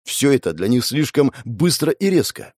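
A man narrates a first-person fantasy novel with a lively, swinging delivery. He leans into the dramatic moments and voices the characters' shouts. The sound is dry and close, with no room at all. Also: medium pitch, normal speed, breathy edge, dry recording. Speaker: audiobook reader.

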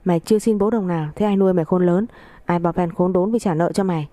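A woman's voice: on the low side, steady tone, fast talker, mellow, dry recording, natural voice. A woman voicing an angry older brother who scolds his sibling with harsh contempt. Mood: contemptuous angry. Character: angry elder brother, the narrator's husband.

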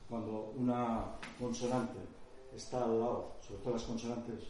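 A man's voice: medium pitch, flat delivery, normal speed, mellow. Man lecturing in an echoey hall. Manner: conversational, explains with examples, thinks aloud. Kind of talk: conference talk with audience questions. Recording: echoey hall, distant mic, faint noise.

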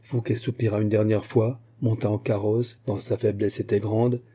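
A male audiobook narrator with a very dark, mellow tone and a husky edge. He tells the story in a measured, steady way, letting each sentence unfold calmly. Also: on the low side.

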